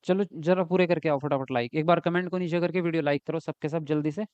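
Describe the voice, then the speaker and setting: A man's voice: fairly high pitch, fairly even intonation, fast, a little mellow, smooth, dry recording. A man teaching a live online exam-prep class, chatty and often checking with his viewers. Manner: chatty, keeps asking "right?" and answers chat comments. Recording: dull lo-fi dry sound.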